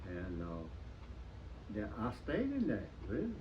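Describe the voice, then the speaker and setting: An elderly American man, a veteran remembering his service in an interview in a plain-spoken, halting, folksy way. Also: lowish voice, huge pitch swings. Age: 90s. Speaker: WWII veteran being interviewed. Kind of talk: interview reminiscence. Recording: dull lo-fi sound with faint noise, distant mic.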